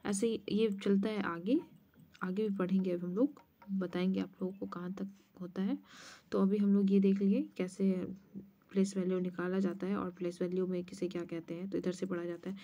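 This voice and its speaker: A woman's voice: medium pitch, little pitch movement, normal speed, warm tone. A woman maths teacher explaining place values step by step at a board, now and then muttering asides. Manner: mutters asides under her breath. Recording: muffled lo-fi recording.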